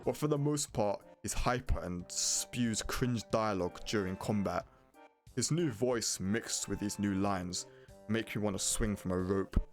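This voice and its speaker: A man's voice: lowish voice, a little slow. A man narrating a scripted video game review in a blunt, casual way. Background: prominent music.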